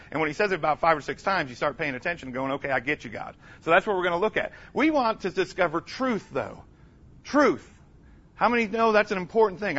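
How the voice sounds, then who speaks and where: A man giving an energetic, humorous conference lecture, emphatic and calling out to the audience for responses. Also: fairly high pitch, lo-fi sound. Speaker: conference speaker.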